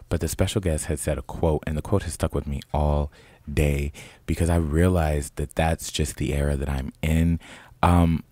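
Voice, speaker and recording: A young adult man from Chicago co-hosting a podcast in casual chat, telling stories with animation and leaping into a high voice when acting out quotes. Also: warm tone, no room sound. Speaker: podcast co-host.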